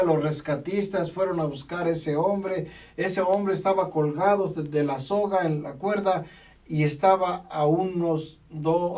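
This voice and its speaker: A man delivers a sermon in a high voice, pressing his point by repeating phrases and adding amen between lines. He sounds set back from the microphone, a little distant. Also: darkish tone. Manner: emphatic, repeats phrases, punctuates with "amén". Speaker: preacher. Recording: voice from a distance from the mic.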